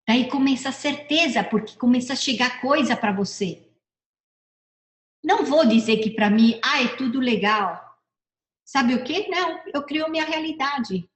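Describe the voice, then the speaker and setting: A middle-aged personal development speaker talks in an echoey room, giving a casual, chatty motivational talk in which she often restates and corrects herself. Her voice sits high and her speed is normal.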